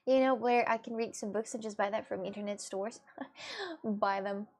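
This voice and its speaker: Animated and giggly, a Russian livestreamer with a mid-range voice chats casually with her viewers. She is a native Russian speaker whose English is halting and full of fillers and giggles.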